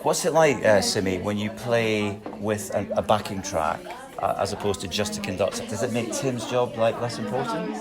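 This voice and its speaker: A man presents a radio piece in a brisk, chatty way, moving each musician along. He speaks at a mid pitch. Crowd chatter hums around him. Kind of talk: radio interview. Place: busy venue after a show.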